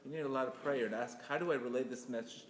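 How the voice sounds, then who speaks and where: Animated man lecturing in an echoey hall. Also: mid-range voice, quick pace, a little hiss or hum. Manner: animated, acts out quoted voices, laughs often. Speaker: Torah lecturer. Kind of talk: lively religious class.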